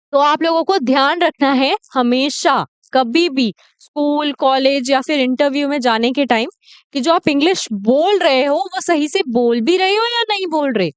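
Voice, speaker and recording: A young woman teaching English pronunciation with an Indian English accent, saying target words slowly and often checking in with her students. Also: high-pitched, dry recording. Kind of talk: classroom lesson.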